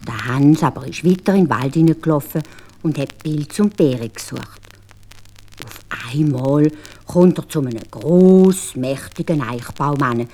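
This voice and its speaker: A woman with a Swiss German accent telling a fairy tale in an expressive, animated way. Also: sits low, a little slow. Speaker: storyteller.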